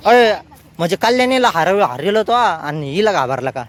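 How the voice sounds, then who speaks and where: A man's voice: high voice, sing-song, normal speed, fairly bright tone. A man, giving chatty, teasing vlog commentary outdoors. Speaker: vlogger.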